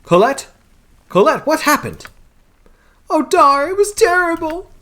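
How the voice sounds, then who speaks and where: A man voicing an excitable, dramatic young woman, a wizard's daughter, in a high falsetto while reading game dialogue. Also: measured pace, heavily acted. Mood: distraught. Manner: high, breathless falsetto cries.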